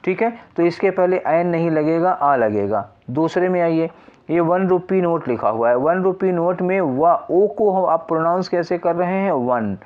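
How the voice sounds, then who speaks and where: A man's voice: on the high side, moderate pace, narrow, tinny audio. A man teaching an exam prep lesson, explaining step by step and asking and answering his own questions.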